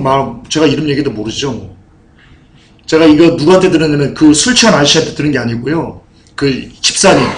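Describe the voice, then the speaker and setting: A man's voice: on the high side, reverberant, slight background noise, poor audio. A man preaching a sermon as pastor, with emphatic, repeated appeals to the congregation.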